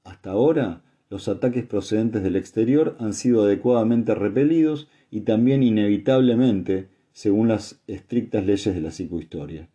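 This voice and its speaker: Man reading as a calm, measured old sage. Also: lowish voice, husky. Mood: calm formal. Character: calm, measured male sage in a recorded message.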